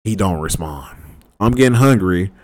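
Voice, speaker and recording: A young man telling a comedic story casually, animated and profane. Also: sits low, normal speed. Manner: animated, profane, repeats "right?" and "bruh".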